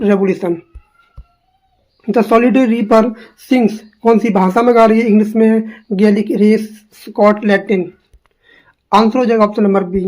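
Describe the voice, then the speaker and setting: A woman teaching an exam-prep English lesson, echoing her own answers back as questions and reading quoted lines slowly. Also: mid-range voice, dark tone. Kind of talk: quiz answer walkthrough lesson.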